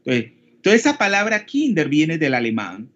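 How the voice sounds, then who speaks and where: A man's voice: on the high side, wildly swooping pitch, moderate pace, fairly bright tone. A man with a Panamanian Spanish accent, teaching an online class and explaining step by step while he keeps checking in with his students. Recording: dull lo-fi call audio.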